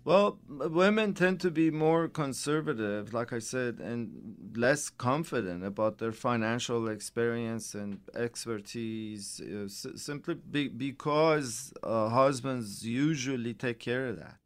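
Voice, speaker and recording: A man's voice: mid-range voice, a little slow, few pauses. A middle-aged man hosting a financial radio show, chatting casually and rambling with many restarts.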